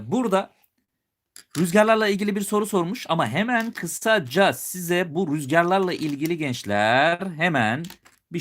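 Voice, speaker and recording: A Turkish male teacher runs a live exam review lesson, his voice on the high side and fairly bright. He walks students through every question, posing and answering them himself, and now and then slips into a slight regional lilt.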